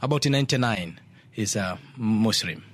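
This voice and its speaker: A man from Tanzania, speaking as a radio interview guest in halting English full of fillers and restarts. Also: lowish voice, expressive, fairly bright tone. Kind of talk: hesitant conversational English.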